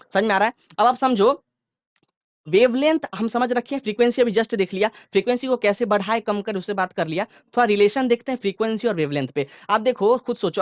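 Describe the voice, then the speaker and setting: A man's voice: high voice, dry recording, muffled recording. A man teaching a school science lesson, explaining step by step and often checking that his students follow along. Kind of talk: classroom lecture.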